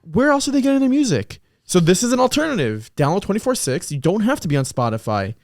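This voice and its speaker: A man hosting a podcast, talking in a casual, animated way and firing off pointed questions. His voice sits a little high for a man and rises sharply when he pushes back. The sound is dry and close to the mic. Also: fast, no room sound. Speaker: podcast host. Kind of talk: casual debate chat.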